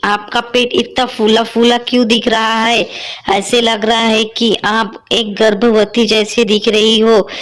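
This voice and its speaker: A woman voicing a dutiful, excitable young daughter-in-law in a cartoon story, chatty and exclaiming. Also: on the high side, pitched above the performer's own voice.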